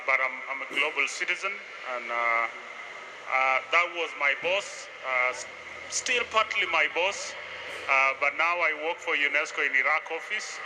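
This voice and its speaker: Man from South Sudan, panelist, earnest, slightly high voice, noisy live recording. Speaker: panelist, education worker. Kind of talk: self-introduction on a panel.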